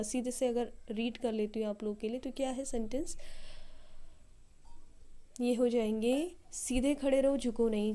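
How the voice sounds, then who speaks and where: Indian woman teaching slow English phrases. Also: sits high, warm tone. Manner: slow, deliberate English example sentences between quick explanations. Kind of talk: bilingual language lesson.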